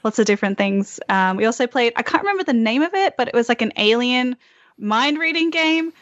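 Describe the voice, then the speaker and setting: A woman's voice: a little high, lively intonation, brisk, a bit bright, dry recording, highs cut off. A woman co-hosting a podcast, chatting casually and rambling with many fillers. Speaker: podcast co-host, game master. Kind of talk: casual chat.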